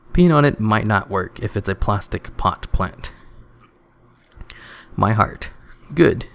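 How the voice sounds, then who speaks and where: A man with a fairly low voice reads online comments aloud in a casual, dry way. He often sounds close to laughing. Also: gravelly, fairly bright tone. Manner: dry reading, half-stifled laughs. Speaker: channel host reading online comments.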